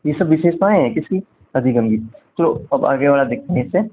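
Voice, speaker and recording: A man's voice: a little high, expressive, fairly quick. A man giving a revision lecture for exam prep, asking quiz questions and answering them himself. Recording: tinny phone-like audio.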